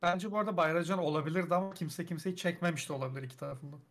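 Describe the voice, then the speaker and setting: A man's voice: on the high side, rapid-fire, heavy background noise. A man in a casual group chat, hesitant and thinking aloud. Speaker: guest.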